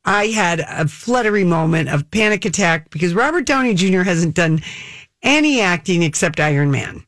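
A woman's voice: fairly low pitch, expressive, moderate pace, fairly bright tone, dry recording, clean studio sound. A woman co-hosting a casual chat show, talking in a chatty, rambling way with restarts. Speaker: co-host.

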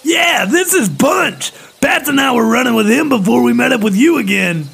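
Guy playing a hyped-up bro buddy, super high squeaky voice, bright. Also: moderate pace, creaky, full character voice. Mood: upbeat. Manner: excitable, laid-back slang. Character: upbeat young male buddy.

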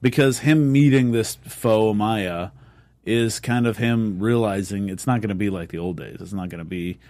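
A man with a low voice co-hosting a casual review show, talking in a chatty way and throwing in quick reactions and asides. His voice sounds dry and close, with no room sound around it. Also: a little mellow, no echo. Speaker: podcast co-host.

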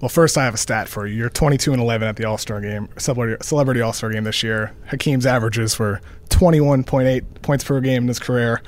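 A man's voice: medium pitch, quick pace, few pauses. Upbeat male sports podcast host. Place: venue dressing room.

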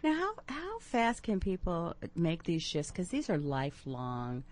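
A woman co-hosting a radio talk show, chatty and animated, laughing easily. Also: on the low side, measured pace. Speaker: radio co-host. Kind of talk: casual radio chat. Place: radio studio.

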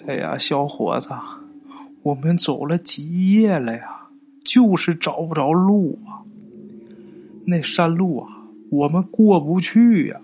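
A man voicing a weeping old woman, lost at night, who pleads in slow, drawn-out phrases. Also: a little high, animated, warm tone, slight background noise. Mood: pleading.

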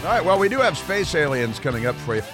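A man's voice: fairly high pitch, very animated, fast, loud music behind the voice. A man with an American accent hosting opinionated political talk radio, speaking in emphatic phrases on a close studio microphone.

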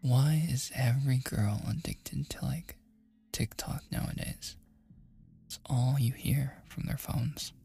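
A man at medium pitch voices a smitten, insistent young man in a boyfriend-style ASMR roleplay, with faint music behind him. He talks gently and in halting bursts, occasionally whispering breathily to coax, and the tone stays hushed and urgent.

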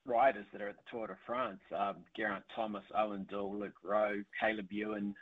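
A man's voice: on the low side, animated, normal speed, creaky, narrow, tinny audio. A man giving enthusiastic, conversational analysis as a cycling commentator. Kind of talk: casual interview analysis.

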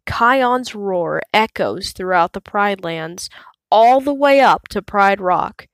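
A woman reading a children's storybook aloud, slow, clear and measured. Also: mid-range voice, expressive, no echo. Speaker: storybook reader.

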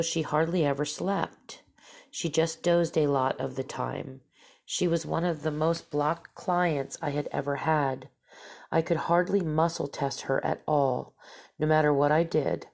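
In a casual storytelling monologue, a podcast host talks her way through stories and asides. Her stuffy, nasal voice is low with vocal fry and a darkish tone as she rambles through her talk show.

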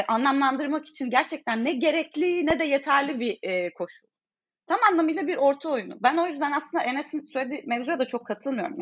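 Husky high-voiced woman, exasperated. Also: highs cut off. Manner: exasperated, animated, with many fillers. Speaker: economics lecturer. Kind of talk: casual discussion.

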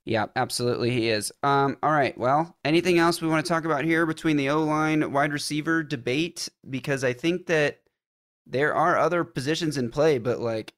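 A man hosting a sports podcast, relaxed and agreeable in conversation. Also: a little high, normal speed. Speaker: podcast host.

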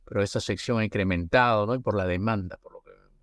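A man's voice: fairly low pitch, quick pace, fairly bright tone, dry recording, clean studio sound. A man hosting a casual podcast interview, asking long, rambling questions that he keeps tagging for agreement. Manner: rambling questions with many tag questions. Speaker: podcast host.

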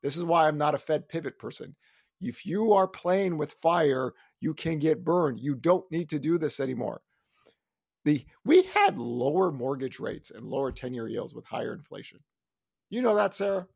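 A man, a lead analyst, talking in a casual podcast chat, animated and exasperated, with loud ranting outbursts. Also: a little high, normal speed, creaky, no echo.

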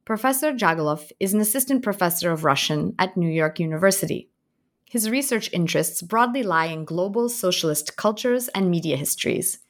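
A woman hosting an academic interview podcast, speaking in a measured, formal way. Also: lowish voice, animated. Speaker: podcast host.

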